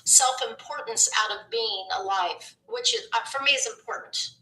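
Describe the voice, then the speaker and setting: A middle-aged woman, a former radio DJ, talking as a guest in a rambling, animated way, acting out what people said to her. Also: on the high side, normal speed, low-quality recording. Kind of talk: reflective conversational chat.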